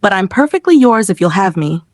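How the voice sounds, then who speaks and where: A woman's voice: mid-range voice, big pitch swings, a little fast, no echo, studio quality, lightly acted. Woman reading a tender devoted young man.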